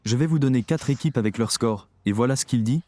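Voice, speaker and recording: A man delivers a sermon with emphasis, addressing the listeners head-on. His voice is dark and mellow, recorded dry and close with no room sound. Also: mid-range voice, fast talker, no echo. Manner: emphatic, addresses the audience directly. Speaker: preacher.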